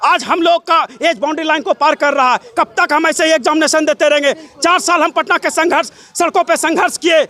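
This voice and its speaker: A young man with a Bihari accent giving an impassioned interview in a breathless, run-on, forceful way, piling up clauses, repetitions and rhetorical questions. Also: extremely high pitch, steady tone, fairly quick, hardly any pauses. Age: young adult. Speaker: job candidate and protester being interviewed.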